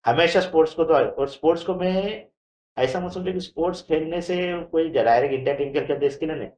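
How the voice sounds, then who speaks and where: A man's voice: a little high, fast, a little mellow. A man in his forties, a local party politician, talking through an interview in loose, rambling conversational speech. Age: 40s. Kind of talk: casual interview talk. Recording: echoey room, dull lo-fi sound.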